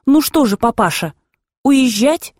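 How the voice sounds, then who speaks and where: A woman's voice: mid-range voice, big pitch swings, no room sound, clean studio sound. A woman reading a bold, firm young mother with a commanding way of talking, in a storybook narration. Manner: commanding, brisk.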